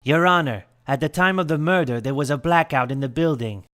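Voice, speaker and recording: A man's voice: on the high side, a little fast, fairly bright tone, close to an everyday voice. A man playing a fussy, dismissive prosecutor speaking formally in a courtroom game fan dub. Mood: formal, pedantic. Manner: formal, pedantic.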